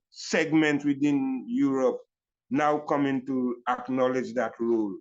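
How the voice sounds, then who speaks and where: A man's voice: medium pitch, muffled recording. An older man with a Caribbean accent speaks as a Rastafari elder in a reflective reasoning style, repeating phrases and punctuating them with "you know".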